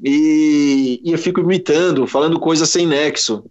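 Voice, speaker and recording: A Brazilian sports journalist, a man, telling an animated anecdote in a casual interview, quoting voices along the way. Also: fairly high pitch, moderate pace. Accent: Brazilian Portuguese. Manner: animated anecdote with quoted voices, many restarts. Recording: slightly dull lo-fi audio.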